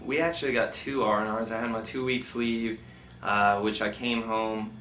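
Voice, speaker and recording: A man's voice: fairly low pitch, steady tone, moderate pace, a bit bright. A man, a military veteran being interviewed, casually recalling his service in a rambling, informal way full of filler phrases. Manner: rambling, informal, heavy use of "like" and "you know". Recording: roomy, distant mic, faint noise.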